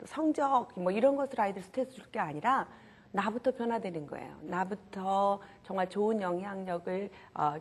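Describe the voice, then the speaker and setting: A woman with a mid-range, slightly rough voice lectures a live audience on character education. She leads call-and-response, having listeners repeat after her, and drops to a whisper for emphasis.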